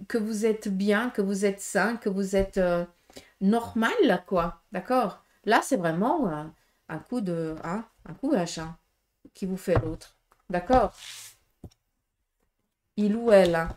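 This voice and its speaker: A woman's voice: medium pitch, slow, long pauses, a little mellow. A woman with a Swiss French accent giving a casual tarot reading to viewers, talking in a direct, frank way with many fillers and tag questions. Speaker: tarot reader.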